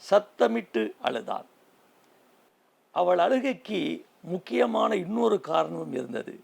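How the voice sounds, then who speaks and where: A male preacher delivers a sermon in a deliberate, emphatic rhythm. His voice is slightly high and strongly gravelly, and he leans on repeated phrases. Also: sing-song.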